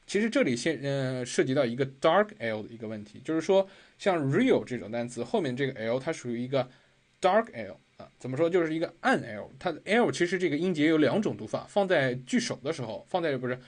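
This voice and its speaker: A man teaching English pronunciation in a recorded online lesson, explaining patiently and repeating phrases with frequent fillers. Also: mid-range voice.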